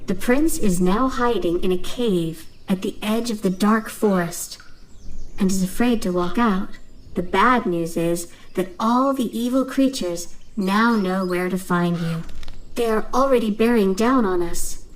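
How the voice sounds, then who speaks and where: A woman voicing a loyal talking dove who guides the player through a game tutorial in a clear, instructive tone. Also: mid-range voice, a little slow, slight background noise, natural voice, low-quality recording.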